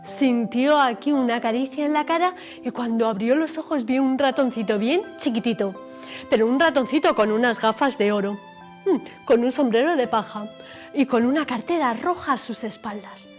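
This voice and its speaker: A woman telling a children's story on television, animated and expressive. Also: on the high side, normal speed. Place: television studio. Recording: faint music behind.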